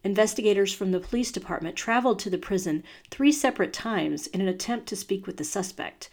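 A woman hosting a true crime podcast, reading scripted narration in a measured, serious storytelling manner. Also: medium pitch, a little mellow.

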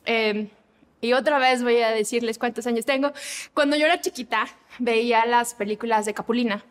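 Animated woman, devotional talk. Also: a little high, normal speed, in a large hall. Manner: animated, acts out examples with voices.

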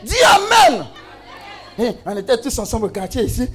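A man's voice: high voice, very fast, mellow, some chatter behind. A man preaching a sermon, exclamatory and teasing, with call-and-response to the congregation. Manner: humorous asides and teasing.

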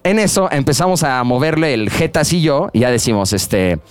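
This young man's Mexican accent comes through as he recounts a slang-heavy tale to friends, lively and doing impressions of everyone involved. The sound is smooth and echo-free, and he speaks at a moderate pace in a mid-range voice.

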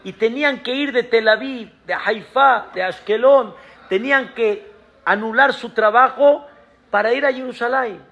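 A rabbi giving a sermon, pressing the congregation with emphatic rhetorical questions. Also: male voice, extremely high pitch, unhurried, creaky, fairly bright tone, highs cut off.

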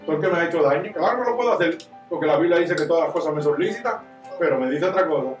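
A man preaching a sermon as pastor, impassioned and swinging from loud to hushed. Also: a little high, lively intonation, very fast, far from the mic. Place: church. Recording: echoey church room, miked from afar, soft guitar behind.

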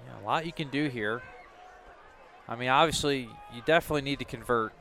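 A man's voice: medium pitch, brisk, pushed and bright. A man with an American accent giving conversational color commentary on a football game from outdoors on a windy press box. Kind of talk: conversational sports analysis. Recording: windy outdoor stadium broadcast.

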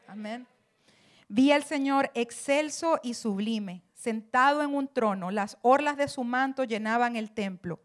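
High-voiced woman preaching a sermon. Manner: passionate, rising to emphatic cries.

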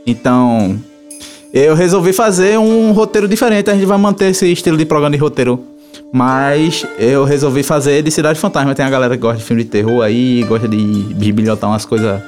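A man with a Brazilian accent hosting a casual talk show, informal and halting, repeating his words. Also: medium pitch, a little mellow. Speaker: radio show host. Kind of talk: casual hosted talk about travel places. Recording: music playing behind the voice. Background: instrumental music.

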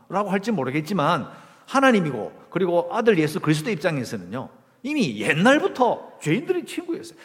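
A male pastor preaching a Sunday sermon, emphatic and firing rhetorical questions at the congregation. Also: on the high side. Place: church sanctuary. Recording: long reverb of a church hall.

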